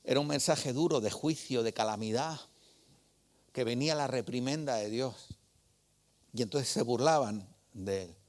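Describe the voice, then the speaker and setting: A male preacher delivers a sermon in a relaxed, storytelling tone. He talks to the congregation like a friend and keeps checking in with short questions. His voice sits at an ordinary, middle pitch for a man. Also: moderate pace.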